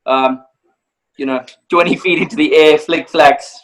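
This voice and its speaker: A man, a professional hunter, telling a lively story in a casual, animated way and acting out voices. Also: a little high, unhurried, poor audio. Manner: animated, laughing, acts out voices.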